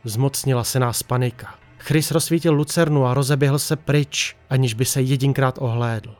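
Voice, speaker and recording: A man narrates a first-person horror story in a hushed, tense manner. His voice sits at an ordinary pitch. Faint music plays underneath. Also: steady tone.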